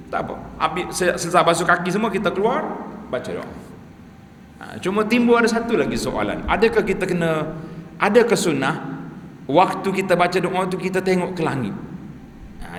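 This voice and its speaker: A man with a Malaysian Malay accent giving a lively, conversational religious lecture to a congregation, at times chanting prayers with them. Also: fairly high pitch. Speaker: preacher. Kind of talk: religious study-circle lecture. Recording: echoey hall with faint background noise.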